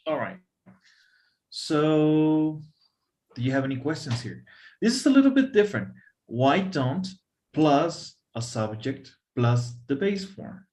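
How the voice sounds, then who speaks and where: A man's voice: a little high, big pitch swings, slow pace, a little mellow. A man tutoring English one-on-one over a video call, explaining grammar patiently and repeating examples.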